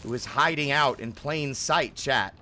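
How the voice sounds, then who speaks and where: In a forceful, bright tone, a man of medium pitch talks unhurriedly to viewers while streaming a game, frequently interrupting himself in casual chat. A little hiss or hum can be heard.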